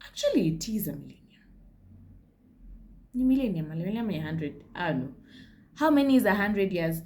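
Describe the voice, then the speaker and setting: A woman's voice: mid-range voice, sing-song, brisk, darkish tone. A Kenyan woman hosting a casual history vlog, chatty, with frank asides and slips into Swahili. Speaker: history channel host.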